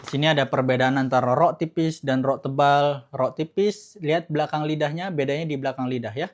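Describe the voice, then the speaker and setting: A man teaching Quran pronunciation in a recorded lesson, with a fairly high-pitched voice. He explains in a relaxed, everyday way and stops to drill each sound slowly, again and again. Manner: demonstrates sounds by slow repeated drilling; casual explaining with fillers.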